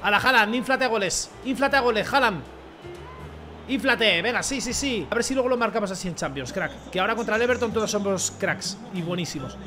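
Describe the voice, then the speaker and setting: A young man commentating his own football game. He rants, pleads and shouts at the play, swinging from low mutters to loud yells. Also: brisk, music in the background. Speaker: gaming streamer. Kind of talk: excited gameplay commentary.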